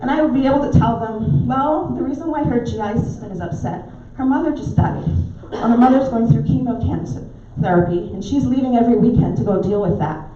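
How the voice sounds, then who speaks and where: A woman's voice: fairly high pitch, a little fast, hardly any pauses. A middle-aged woman from Barbados with a Barbadian accent, telling stories with filler ums as a guest speaker at a club meeting in a pub. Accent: Barbadian, softened by years in the US. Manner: warm storytelling with filler ums. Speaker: guest speaker, naturopathic doctor. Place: pub dining room. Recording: echoey, dull, distant room recording.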